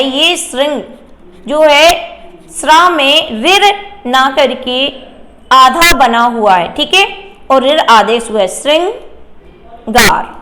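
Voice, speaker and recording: A woman teacher giving a Hindi grammar lesson, explaining slowly and asking and answering her own questions. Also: high-pitched, bright, forceful tone.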